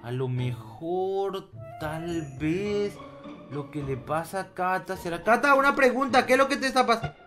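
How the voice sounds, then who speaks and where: A man hosting a game roleplay, reacting with dramatic, excitable exclamations. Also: high-pitched, unhurried. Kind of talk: Minecraft roleplay. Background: background music.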